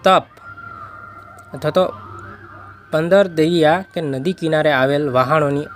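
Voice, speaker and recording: Slow, steady male tutor. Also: a little high, a little hiss or hum. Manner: slow, steady listing of words and meanings. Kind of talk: reading out vocabulary definitions.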